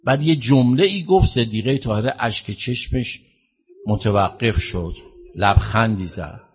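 A man as a religious eulogist, telling a mourning sermon in a lamenting, drawn-out way. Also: mid-range voice, a little hiss or hum. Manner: lamenting, drawn-out storytelling delivery.

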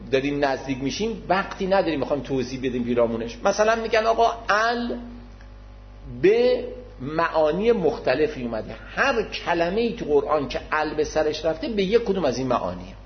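Fairly high-voiced man lecturing patiently. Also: slight background noise. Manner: patient, repeats key terms; modest, addresses listeners formally. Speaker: religious lecturer. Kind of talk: explanatory religious lecture. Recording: dull lo-fi recording.

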